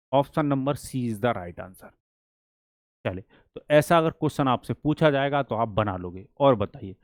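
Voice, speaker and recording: A man teaching a maths lesson for exam prep. He asks the class questions and answers them himself, and he reads problems slowly and deliberately. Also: mid-range voice, dry recording, clean studio sound.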